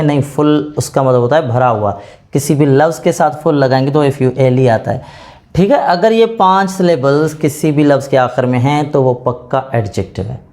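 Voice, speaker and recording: A man teaching grammar, explaining it to learners in a patient lesson and reading out example sentences slowly. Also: medium pitch, dark tone. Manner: slow, deliberate reading of English example sentences; checks in often with the listener.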